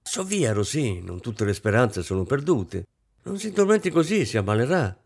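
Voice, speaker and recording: A man's voice: medium pitch, lively intonation, moderate pace, a little mellow, close to an everyday voice. A man reading aloud voices a society lady guest, a woman who speaks in a sweet, syrupy way that hides spite. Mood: falsely sweet. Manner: mellifluous, falsely sweet.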